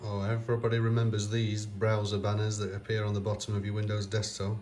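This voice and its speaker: Low flat-voiced man, thinking aloud. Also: fast talker, a little hiss or hum. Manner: hesitant, many fillers, thinking aloud. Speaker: computer restoration vlogger. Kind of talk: casual off-camera commentary.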